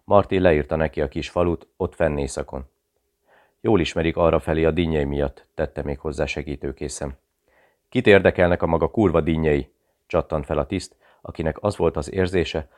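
A man narrating an audiobook thriller in a steady, measured reading. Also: extremely low pitch.

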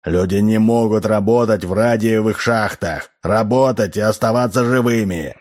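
A man's voice: fairly low pitch, normal speed, darkish tone, close to an everyday voice. A man reading an audiobook, voicing a weary, embittered male station chief who speaks bluntly. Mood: bitter. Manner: blunt, bitter.

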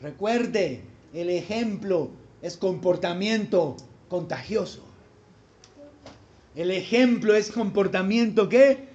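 This pastor's voice is high and a little mellow, and he delivers his sermon slowly. He's emphatic, testing the congregation with rhetorical questions, captured in a dull live recording with faint church ambience.

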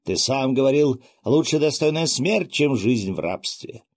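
Raised-voice hothead: a man playing a defiant young fighter, shouting, dry close read. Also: mid-range voice, lively intonation, unhurried, breathy edge, no room sound, voice pushed up. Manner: shouting, furious.

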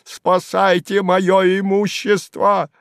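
Man playing a screaming cowardly landowner, frantic and high-pitched. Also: monotone, slow, creaky, a bit bright, no room sound, studio quality, exaggerated voice. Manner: shrieking, screaming. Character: frantic panicky young landowner, shrill coward.

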